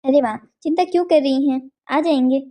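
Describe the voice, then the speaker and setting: A woman voicing a relaxed young husband and brother in a cartoon family story, talking in an easygoing, teasing way. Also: high voice, brisk, crowd noise, natural voice.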